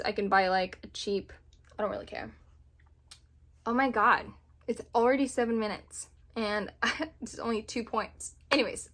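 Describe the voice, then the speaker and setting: A woman in her twenties from Indonesia, chatting casually to camera as a vlogger, animated and laughing often. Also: a little high. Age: 20s.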